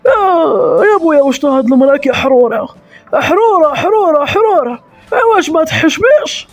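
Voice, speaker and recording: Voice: high voice, lively intonation, brisk, no echo, soft background music. An actor playing a fuming old father who curses and rants at his daughter in a comedy sketch. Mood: exasperated scolding. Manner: cursing, exasperated ranting.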